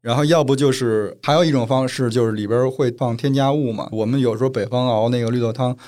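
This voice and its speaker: A man's voice: mid-range voice, fairly even intonation, fast, darkish tone. A man from northern China, co-hosting a casual chat and telling stories at length. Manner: storytelling, explains at length. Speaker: podcast co-host.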